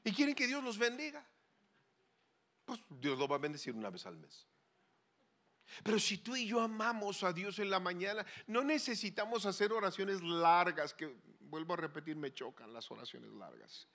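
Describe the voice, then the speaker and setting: A man delivers a fiery sermon in a high, bright, sharp voice. He swings from loud, pleading cries to hushed, low asides. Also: big pitch swings, moderate pace. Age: 40s or older. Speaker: pastor.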